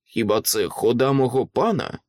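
A man voicing a frightened, loyal older male butler who speaks in a hushed, uneasy way. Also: mid-range voice, animated, moderate pace, no echo, clean studio sound, lightly acted.

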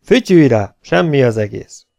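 A man reading as a gravelly, weary legion captain. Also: medium pitch, big pitch swings, a little mellow. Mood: coaxing. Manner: threatening, then coaxing and falsely friendly. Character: weary, hot-tempered French legion captain, middle-aged. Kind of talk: audiobook reading.

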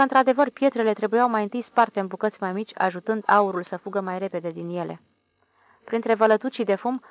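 A woman narrating a literary audiobook in a calm, even storytelling voice. Her pitch sits in a middle range. The recording is close and dry, with no room sound. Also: no room sound.

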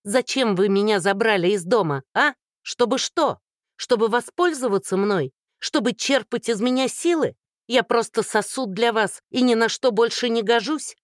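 A reader voicing a furious young woman who shouts and taunts in an audiobook. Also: medium pitch, moderate pace, no room sound, studio quality, pitched above the performer's own voice, lightly acted.

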